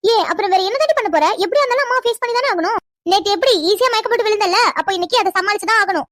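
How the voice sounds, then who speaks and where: A woman voices a bossy young woman in a cartoon who lectures and scolds her friend. The voice is extremely high and rattles along at top speed, and it sounds dry and close. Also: very fast, a bit bright, no echo. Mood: lecturing. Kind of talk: animated cartoon dialogue.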